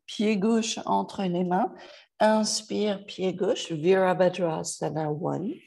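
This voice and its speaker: A woman guiding a yoga class, giving slow, calm cues and softly counting breaths. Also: on the low side, gravelly. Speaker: yoga teacher. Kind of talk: guided yoga class instruction.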